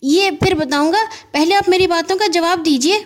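A woman voicing an excitable little boy in a children's audio story, firing off hurried, eager questions and talking out of breath. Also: very high-pitched, pitched above the performer's own voice.

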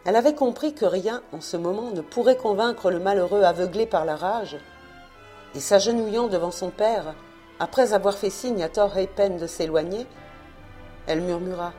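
A woman narrates a classic novel in a measured, expressive reading. Her voice sits at a middling pitch. Faint music plays softly beneath her. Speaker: audiobook narrator. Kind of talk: novel read aloud.

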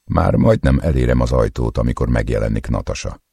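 Very deep, husky male audiobook narrator. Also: mellow, no echo, clean studio sound. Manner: cold, measured, menacing. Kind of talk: first-person audiobook narration.

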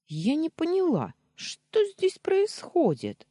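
A reader voicing a jealous young wife, accusing her husband in high, shrill outbursts. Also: huge pitch swings, slow pace, mellow, no room sound, studio quality, full character voice. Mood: shocked, accusing.

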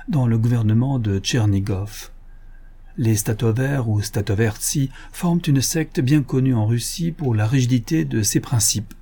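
A man narrating a nineteenth-century novella in a measured, literary reading. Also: medium pitch, mellow, breathy edge. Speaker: audiobook narrator. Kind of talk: scripted narration.

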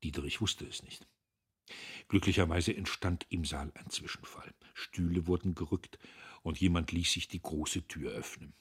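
A man reading a classic novel aloud in measured, dry storytelling narration. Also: low voice, fairly even intonation, slightly rough. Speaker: audiobook narrator. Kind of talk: scripted literary narration.

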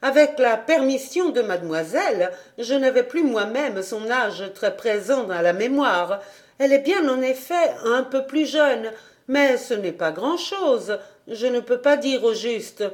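A woman's voice: a little high, expressive, a little slow, pitched above the performer's own voice. Woman doing a fawning young country cousin. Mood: deferential. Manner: deferential, chattering.

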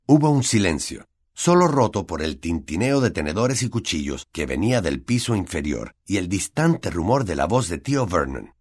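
A man with a Latin American Spanish accent reading an audiobook in a measured, steady storytelling manner. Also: deep voice, slightly rough. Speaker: audiobook narrator. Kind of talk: scripted audiobook narration.

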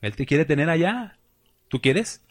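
A man's voice: a little high, expressive, measured pace. A man with a Mexican accent preaching a sermon, emphatic and conversational, asking his congregation questions and slipping in folksy jokes. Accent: Mexican Spanish. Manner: folksy and joking, with colloquial asides.

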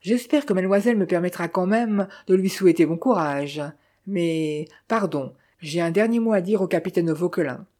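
A woman reading as a polite, formal gentleman in an audiobook. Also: fairly low pitch, normal speed, close to an everyday voice. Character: polite older man, stately official.

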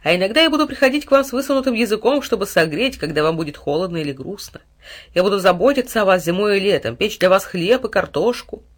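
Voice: medium pitch, fast talker, close to an everyday voice. Boisterous, sly male Fire spirit in a fairy-tale audiobook , voiced by the narrator. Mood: warm promising. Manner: loud, excitable, sharp-tongued.

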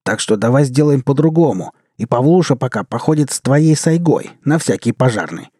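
A man voicing a rough, crude Siberian man in an audiobook, gruff and swearing. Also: medium pitch, lively intonation, moderate pace, warm tone, no echo, studio quality, pitched above the performer's own voice. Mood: furious. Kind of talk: audiobook character reading.

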